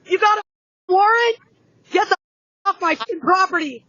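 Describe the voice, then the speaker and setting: A woman heard through a doorbell camera speaker, angrily yelling profanity and ordering people off her property. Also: extremely high pitch, moderate pace, no echo, highs cut off. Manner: yells furious profanity, ordering officers away.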